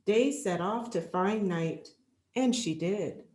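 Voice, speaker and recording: A library executive reads a children's picture book aloud in a mid-range voice, telling the story expressively and deliberately. The recording sounds roomy and echoing.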